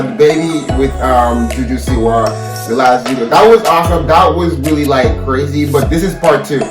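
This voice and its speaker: A man hosting a reaction video, chatting loosely with slang and lots of fillers. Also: a little high. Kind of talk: casual reaction commentary. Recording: roomy echo, distant mic, loud music behind.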